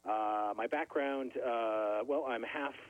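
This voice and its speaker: A middle-aged man from Canada calling in over a tinny, phone-like line that sounds dry and close. He talks casually and warmly, stringing his thoughts together with plenty of fillers. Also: medium pitch, slow, no room sound. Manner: friendly, many fillers. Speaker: guest, record label owner. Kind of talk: casual interview talk.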